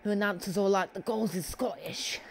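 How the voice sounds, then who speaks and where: A gaming channel host giving excitable live commentary on his own football game, exclaiming and talking to himself as he plays, on a headset. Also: mid-range voice, moderate pace, creaky. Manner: excitable, talks to himself while playing, frequent exclamations. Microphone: headset headphones.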